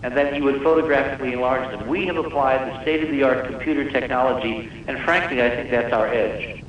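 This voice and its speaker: Brisk and fairly even in intonation, this medium-pitched man is a guest researcher being interviewed live on a radio call-in program. He hammers home technical details, repeating words for weight, while the audio is far-off, very echoey and muffled with broadcast noise.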